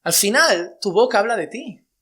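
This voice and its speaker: Pastor preaching, high bright voice, swings from loud to quiet asides. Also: male voice, expressive, normal speed, slightly rough. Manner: emphatic, shifts between loud exhortation and quiet asides. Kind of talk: sermon.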